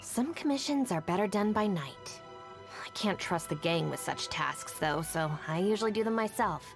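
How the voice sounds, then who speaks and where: Over music, an actress voices a capable young female gang deputy in video game lines, dry, self-assured and matter-of-fact. Her mid-range voice is expressive and creaky, and her delivery stays composed and brisk.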